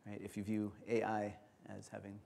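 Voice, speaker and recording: Male conference lecturer, mellow tone, measured step-by-step delivery, auditorium. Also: on the low side, monotone, creaky.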